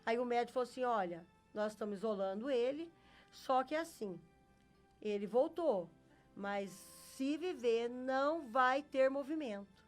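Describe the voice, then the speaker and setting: Brazilian woman, middle-aged, earnest testimony teller who voices each quote, raised pitch, faint music under her. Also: measured pace. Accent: Brazilian Portuguese. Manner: earnest storyteller who acts out quoted dialogue. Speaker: interview guest. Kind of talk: personal faith testimony.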